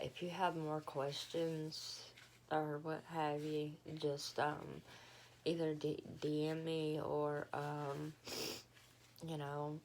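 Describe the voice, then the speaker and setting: A woman's voice: low voice, a little mellow, slight background noise. A tired, unwell-sounding woman, chatting casually and hesitantly to viewers in a rambling way, recorded on a phone. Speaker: mukbang vlogger. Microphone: phone camera.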